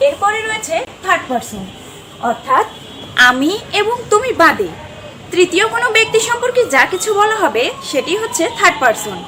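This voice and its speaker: High, lively woman teaching. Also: normal speed, a little hiss or hum. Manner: methodical, defines then gives examples. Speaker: online English grammar teacher. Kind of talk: structured lesson explanation.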